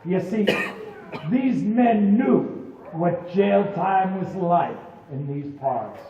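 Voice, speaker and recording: High-pitched man theatrically guiding a ghost tour. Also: expressive, drawn-out words, warm tone. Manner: dramatic, folksy old-time storyteller. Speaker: ghost tour guide in character. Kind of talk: theatrical live storytelling to a tour group. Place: tour venue among a group of visitors. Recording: echoey reverberant room, distant mic, dull noisy audio.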